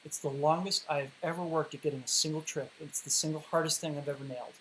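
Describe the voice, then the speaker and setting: Losing his voice, a man hosts a livestream Q&A and teaches poi spinning, rambling chattily with lots of fillers and restarts. His voice is fairly high, steady, quick, and a bit bright, on a low-quality home stream with faint hiss.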